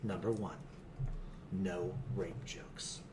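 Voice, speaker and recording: A man's voice: deep voice, fairly even intonation, drawn-out words, a loud crowd. A man hosting a comedy movie-review podcast, talking in a mock-earnest, joking way and often laughing. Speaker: podcast host.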